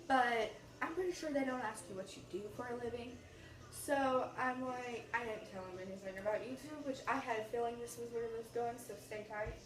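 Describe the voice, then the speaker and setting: A teenage girl with an American accent telling a story casually as a vlogger, animatedly acting out the dialogue as she goes. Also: a little high. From United States. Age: teens, about sixteen. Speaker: YouTube vlogger. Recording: roomy echo, distant mic, faint noise.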